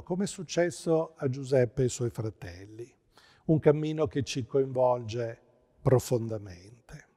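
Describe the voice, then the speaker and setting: A middle-aged Italian man preaching a sermon as pastor, with slow, measured phrasing and emphatic stresses, recorded in a church before a pipe organ. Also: mid-range voice, warm tone. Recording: long church reverb.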